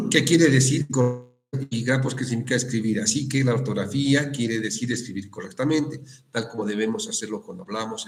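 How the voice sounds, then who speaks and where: A male teacher giving an online class on spelling and accents, explaining slowly with frequent checking questions and restarts. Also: fairly low pitch, vocal fry. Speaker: university language teacher.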